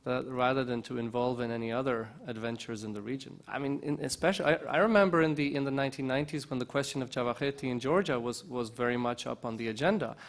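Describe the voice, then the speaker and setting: A man's voice: mid-range voice, fast, few pauses. A man in his forties speaking as a keynote speaker at a conference, answering questions hesitantly with many restarts, at a table microphone in a lounge.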